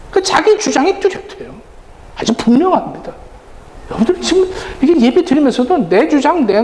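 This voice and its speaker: A man's voice: sits high, darkish tone, a little hiss or hum. A middle-aged male pastor preaching a sermon in a conversational way, sometimes acting out the people he quotes. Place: church sanctuary. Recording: roomy church hall reverb, faint ambience.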